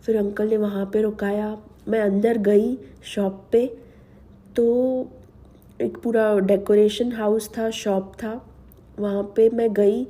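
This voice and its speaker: Woman host, devotional testimony, slow and earnest, dark husky voice, slight sore throat. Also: medium pitch, flat delivery. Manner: slow, earnest, mixes English words into Hindi. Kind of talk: personal testimony to a spiritual audience.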